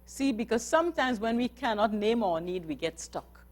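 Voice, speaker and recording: A woman's voice: a little high, animated, normal speed. Earnest woman coaching a group. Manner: earnest, coaxing, asks the audience questions. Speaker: religious sister giving a talk. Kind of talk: workshop talk on nonviolent communication.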